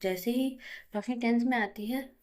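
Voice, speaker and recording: A woman's voice: a little high, moderate pace, a little mellow. A woman narrating a romantic story in a plain, chatty way, voicing all the figures herself.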